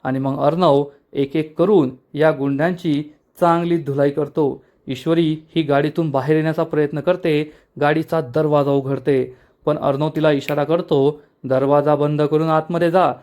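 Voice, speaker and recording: A man retells a serial's latest episode in a lively storytelling way. His voice is somewhat higher than most men's. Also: moderate pace. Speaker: serial review narrator. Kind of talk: storytelling recap.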